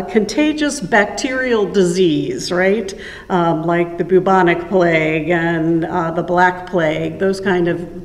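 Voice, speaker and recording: A woman giving a chatty, informal devotional message in a church sanctuary, with a cathedral-like echo. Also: mid-range voice. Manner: chatty and conversational, with frequent ums. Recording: echoey church sanctuary with long reverb.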